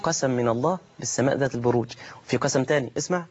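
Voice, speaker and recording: Fast-talking Egyptian preacher man. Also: mid-range voice, a little mellow. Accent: Egyptian Arabic. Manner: rhetorical questions, voices imagined listeners' objections. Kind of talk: colloquial sermon. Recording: dull lo-fi recording.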